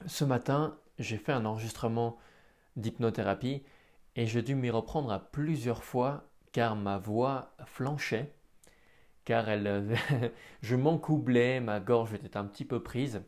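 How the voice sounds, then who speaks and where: A man's voice: medium pitch, a little slow, a little mellow. A tired man, talking alone in his home office for a daily diary podcast and stammering and restarting words now and then. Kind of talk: casual spoken diary podcast.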